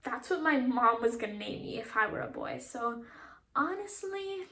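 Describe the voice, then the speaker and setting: A young woman playing a sharp-tongued, self-assured teenage queen bee in a sardonic, blunt comic monologue. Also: on the high side, animated, normal speed. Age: young adult. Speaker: student actor. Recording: echoey room.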